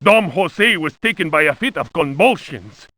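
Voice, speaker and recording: A man's voice: fairly high pitch, sing-song, normal speed, bright, forceful tone, dry recording, exaggerated voice. A man playing a pompous, horrified Spanish lieutenant narrating a journal in a horror game, with hammy, overwrought bad acting. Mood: mounting horror. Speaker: narrator reading old books in a video game.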